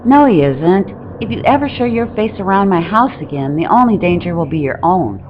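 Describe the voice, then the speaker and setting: A woman's voice: mid-range voice, lively intonation, moderate pace, slight background noise, natural voice. A woman voicing a cold, threatening young wife who talks curtly and with hostility over a phone call. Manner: curt and hostile. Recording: dull, tinny phone line.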